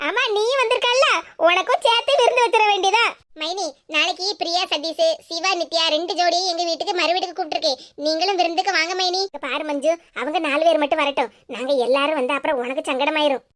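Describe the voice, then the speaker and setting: Friendly, gossipy village women in a cartoon, all done by one woman, very high-voiced and speaking with a Kanyakumari accent. They chat warmly with one another. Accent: Kanyakumari Tamil. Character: chatty women of an extended village family.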